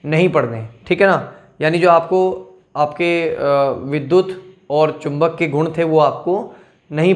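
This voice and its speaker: Man, teacher, fairly high voice, casual lesson, repeats "theek hai", slows for technical terms. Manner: repeats "theek hai" often, addresses students as children; switches between slow read-out terms and quick asides. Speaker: teacher explaining a syllabus.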